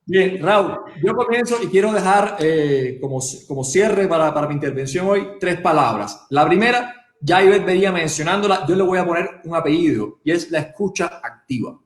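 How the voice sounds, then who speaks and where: A Cuban man with a markedly high voice speaks over a video call from a roomy, echoing space. He explains his points in a measured, reflective way, as a consultant addressing a panel. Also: animated. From Cuba. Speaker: nonverbal communication consultant.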